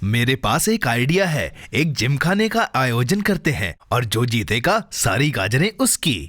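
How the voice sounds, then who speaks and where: In a children's cartoon, a man voices a friendly, upbeat adult companion who also announces a contest, offering encouragement in simple phrases. His medium-pitched, slightly bright voice is very animated and a little slow.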